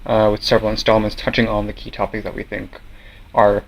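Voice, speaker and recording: A young man from Norway, a student association president, answering interview questions in a measured way with many fillers and restarts. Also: lowish voice, completely flat delivery, gravelly, muffled recording. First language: Norwegian. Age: young adult.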